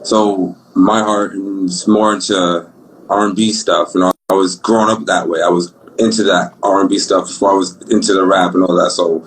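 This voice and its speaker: A singer from Brooklyn, New York, appears as a guest in a casual interview, speaking in a deep, flat voice with a Brooklyn accent. He's laid-back and slangy, rambling at a moderate pace. The audio quality is poor.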